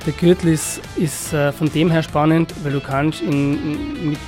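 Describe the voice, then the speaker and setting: A bar owner answers interview questions loosely, trailing off and restarting as he thinks. His voice is a touch high, and music plays clearly in the background. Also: fairly even intonation, normal speed. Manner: hesitant, many fillers and restarts.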